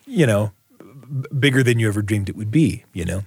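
Animated American man hosting a radio show. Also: fairly low pitch, brisk, husky, no room sound, studio quality. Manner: appreciative, encouraging. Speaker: radio show and podcast host. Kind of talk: conversational interview and warm sign-off to listeners.

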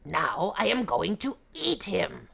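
Loud gruff hungry tiger, impatient, barking his lines, as a woman puts him on. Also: lowish voice, huge pitch swings, slow, heavily acted.

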